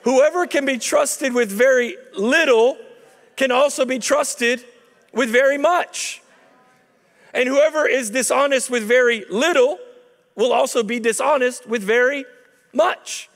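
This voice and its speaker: This chapel speaker, a man in his thirties, has an extremely high-pitched, fairly bright voice and an unhurried pace. He preaches into a handheld mic from a lectern on a large, dark auditorium stage, conversational with emphatic peaks, and the sound carries a large hall's long reverb.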